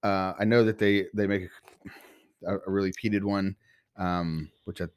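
A man's voice: low voice, level tone, unhurried, clean tone, dry recording, clean studio sound. A man co-hosting a podcast in casual chat, laid-back, joking along and swearing casually. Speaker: podcast co-host.

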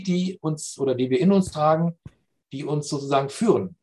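A man with a slightly high voice and a dark tone talks through spiritual and philosophical concepts at an unhurried, thoughtful pace. He keeps pausing to ask "ja?" to confirm his listener is following.

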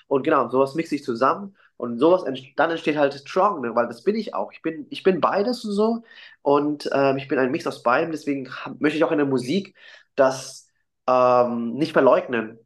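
A German-born man, a singer, talking earnestly and hesitantly in a casual interview, with many fillers and restarts, heard over a video call. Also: medium pitch.

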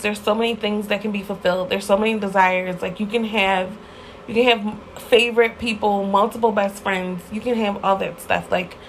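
A woman's voice: mid-range voice, low-quality recording. Effusive woman podcaster, faint hiss. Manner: effusive and heartfelt, with many fillers and Southern-style y'all. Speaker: podcast host. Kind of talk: casual spiritual podcast monologue.

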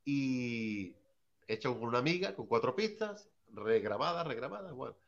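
A man's voice: medium pitch, very animated, measured pace. Rambling man, muffled sound. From Seville, Spain. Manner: rambling, tags lines with "¿sabes?". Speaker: early hip hop artist. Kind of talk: casual anecdote-telling.

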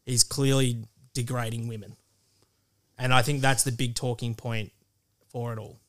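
Male podcast panellist, Australian accent, medium pitch, blunt and opinionated, conversational. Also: flat delivery, normal speed, fairly bright tone. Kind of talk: casual opinionated chat.

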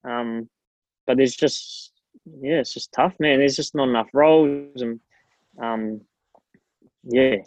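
A man's voice: mid-range voice, fairly even intonation, takes it slowly, pauses often, a little mellow, no echo, rough recording. A young man with a broad New Zealand accent chatting casually and earnestly in an interview, using plenty of informal slang. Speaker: strength and conditioning coach, guest.

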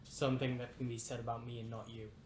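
A man's voice: mid-range voice, level tone, fast, echoey room, noisy background. Blunt man playing a tabletop game. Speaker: player. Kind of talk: casual tabletop play.

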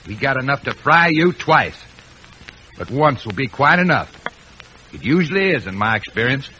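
An actor playing a tough, sardonic American police detective with clipped hard-boiled talk in an old radio crime drama. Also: male voice, medium pitch, sing-song, moderate pace, lightly acted. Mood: stern, sardonic. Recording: noisy vintage radio recording.

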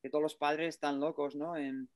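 A man's voice: a little high, level tone, normal speed, no echo. A man with a Spanish accent from Spain chatting casually and colloquially about sports, offering his opinions.

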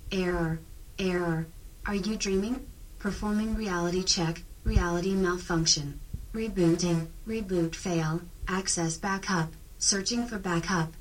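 A malfunctioning female computer system with a glitching, robot-like voice, acted by a woman, reading out its status messages flat and mechanically. The delivery is low-pitched and unhurried. It sounds distant from the mic, with a faint hiss of noise behind it. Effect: glitching robot-like machine voice.

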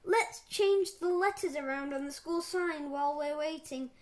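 A woman's voice: high-pitched, normal speed, natural voice. A woman voicing a cheeky young schoolboy prankster in a children's story, eager and mischievous.

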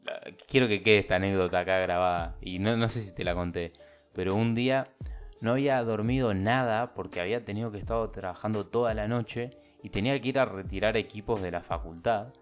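A man with a Buenos Aires accent telling a story casually on a podcast, animated and acting out what people said. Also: fairly low pitch, brisk, faint music behind. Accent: Argentine, Buenos Aires. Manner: animated, acts out the dialogue of people in his story. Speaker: podcast host.

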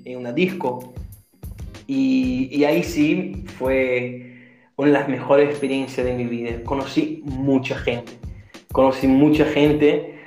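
Man from Brazil, slangy storyteller, slightly high voice, roomy echo, faint music behind. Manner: slangy, laughing, animated storyteller. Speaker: guest. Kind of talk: casual storytelling chat.

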